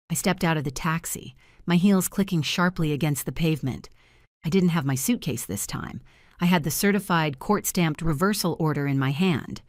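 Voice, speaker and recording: Low female narrator, steady first-person story reading, dry close recording. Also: no echo.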